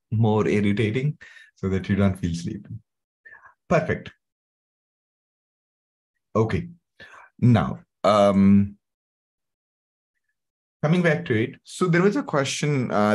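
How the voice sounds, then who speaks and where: A middle-aged man with an Indian English accent presents a live online tech webinar. His voice is low and soothing, and he keeps it conversational, sprinkling in plenty of "okay"s and "right"s.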